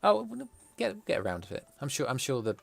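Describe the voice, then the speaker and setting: A man's voice: mid-range voice, huge pitch swings, fast, creaky, over music. A man with a posh, plummy southern English accent, hosting a casual livestream interview. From south of England. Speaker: stream host interviewing artists.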